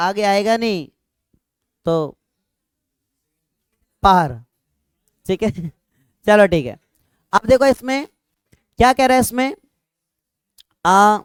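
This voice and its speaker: Smooth-voiced young male teacher. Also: high voice, dry recording. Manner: conversational, repeats "ठीक है" often, jokes with students. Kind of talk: classroom lecture. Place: classroom with students.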